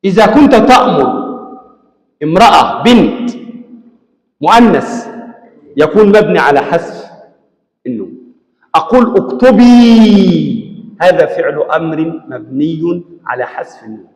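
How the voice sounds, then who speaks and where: A man teaching a classroom grammar lesson, explaining step by step, asking his students questions and drilling examples slowly. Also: fairly high pitch, expressive. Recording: echoey hall with long reverb.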